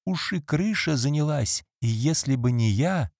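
A man's voice: fairly high pitch, expressive, measured pace, darkish tone, no echo, clean studio sound, voice pushed up. A man reading an audiobook and voicing a timid former maid, now an innkeeper's wife, who whimpers and pleads in a raised, woman-like voice. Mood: anxious.

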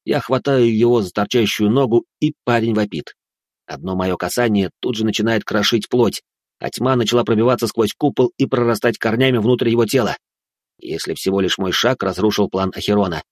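A man narrating a first-person fantasy audiobook in a steady, dramatic reading style. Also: mid-range voice, dry recording, clean studio sound.

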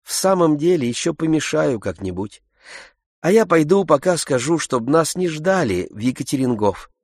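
A man voicing a timid, deferential male clerk who speaks quietly and politely, in an audiobook. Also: on the high side, very animated, moderate pace, no echo, clean studio sound, pitched above the performer's own voice.

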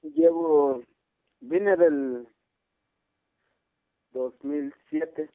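Young man from guatemala, halting answers, dry tinny phone sound. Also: a little high, fairly even intonation, dry recording. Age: 20s. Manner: hesitant, searching for words. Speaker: interviewee. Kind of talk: casual phone interview.

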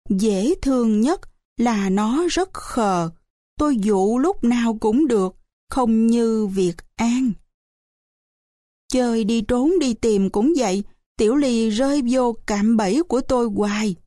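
A woman narrating an audiobook in the first person, in a measured, unhurried way. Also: on the high side, warm tone, no echo, clean studio sound. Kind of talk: storybook reading.

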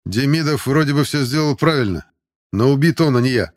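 A man's voice: mid-range voice, animated, fairly quick, voice pushed up, natural voice. A man voicing a stern male sergeant instructor who barks commands and mocks drily, in an audiobook. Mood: commanding. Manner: barking commands, loud and clipped.

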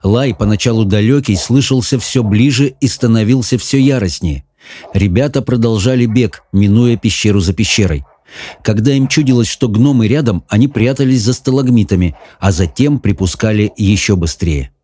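Low, dark-voiced male audiobook narrator. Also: normal speed, slightly rough. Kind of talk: scripted narration.

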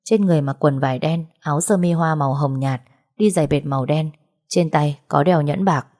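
A woman voicing a senior male police officer who dictates his case notes briskly. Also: low voice, warm tone.

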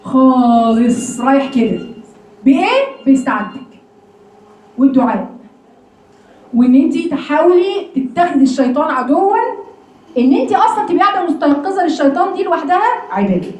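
Egyptian woman, high fast voice, religious teacher for a women's class, echoey room. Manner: lively, acts out voices and prayers, rhetorical questions. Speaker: Quran teacher.

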